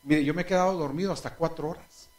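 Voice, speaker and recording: A man's voice, a little high and fast, belongs to a pastor giving a sermon full of lively stories. He breaks into laughter at his own anecdotes and asks the congregation questions directly.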